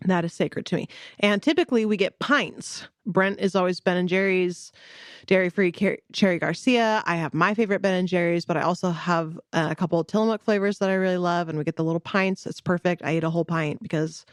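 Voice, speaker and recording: A woman's voice: fairly low pitch, brisk, dry recording, studio quality. A woman in her thirties co-hosting a podcast, chatting in a rambling way and laughing often. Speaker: podcast co-host. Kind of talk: casual chat.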